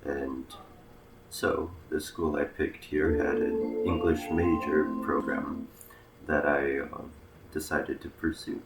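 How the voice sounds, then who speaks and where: A young man, a college student born in Taiwan, practicing a presentation in a slow, reflective way with many fillers. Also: a bass voice, flat delivery, vocal fry, reverberant, over loud music, low-quality recording. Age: young adult. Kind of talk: rehearsed presentation.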